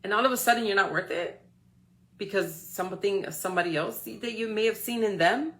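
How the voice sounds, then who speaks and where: A medium-pitched voice, fairly quick, belongs to a motivational speaker in her forties. On a live stream she offers encouragement, repeatedly asking her listeners "okay?" and "right?"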